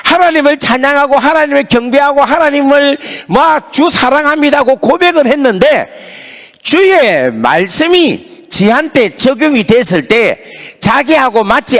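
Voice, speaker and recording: In the echoing hall of a revival meeting, a pastor with a Gyeongsang Korean accent tells a story, throwing himself into acted-out dialogue with emphasis. His voice is extremely high and fairly bright, with lively intonation and a moderate pace.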